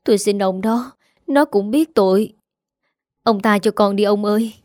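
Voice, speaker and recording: A woman's voice: mid-range voice, measured pace, a little mellow, no echo, studio quality, natural voice. A woman reading a storybook part of a middle-aged mother who begs tearfully for forgiveness. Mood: begging. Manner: begging, tearful.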